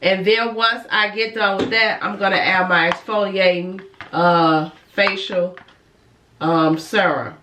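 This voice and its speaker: Taking it slowly, a beauty vlogger who is also a licensed cosmetologist chats in a rambling, self-correcting way while reviewing and demonstrating skincare, a bit congested from a cold. Her mid-range voice is pushed and bright with fairly even intonation. A distant mic in an echoey room catches slight background noise.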